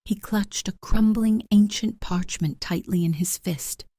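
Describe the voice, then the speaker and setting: A man narrating a paranormal romance audiobook in a steady, dramatic storytelling manner. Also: high-pitched, measured pace, no room sound, clean studio sound.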